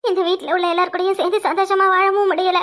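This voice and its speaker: A woman voicing a faint, tearful young village wife in a cartoon, pleading in halting phrases with a Kanyakumari Tamil accent. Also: very high voice, level tone, fairly bright tone.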